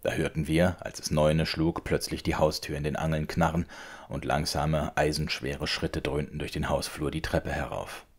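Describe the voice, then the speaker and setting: Very deep-voiced male audiobook narrator. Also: flat delivery, moderate pace, slightly rough. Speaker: audiobook reader. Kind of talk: scripted literary narration.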